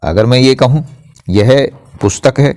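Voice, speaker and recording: A man's voice: mid-range voice, expressive, unhurried, darkish tone. A man teaching English grammar, explaining patiently and spelling words out letter by letter. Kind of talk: blackboard-style grammar lesson.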